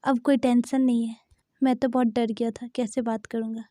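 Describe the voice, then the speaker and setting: A timid young man, voiced by a woman, who frets and begs in a high, mellow tone. He is scared of every call and pleads to be spared. The recording is close and dry, as in a storybook fan dub. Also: little pitch movement, normal speed, dry recording, lightly acted. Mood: nervous. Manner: anxious, pleading.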